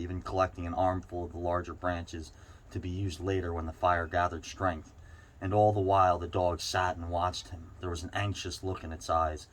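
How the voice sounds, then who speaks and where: A man reading a short story aloud, now and then stumbling over a word and going back over it. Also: low-pitched. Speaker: reader. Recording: clear background noise.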